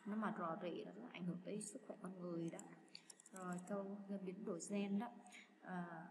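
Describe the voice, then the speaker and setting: A woman's voice: fairly low pitch, steady tone, a little fast. A woman teaching English to schoolchildren, patiently walking through exam answers and talking to students in a chatty way. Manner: patient, chatty, addresses students as "các bạn". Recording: echoey room with loud background noise.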